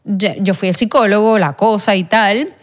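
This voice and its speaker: A woman's voice: medium pitch, normal speed. A young adult woman with a Venezuelan accent, telling a personal story in an interview. She rambles, uses many fillers and acts out what people said. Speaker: guest.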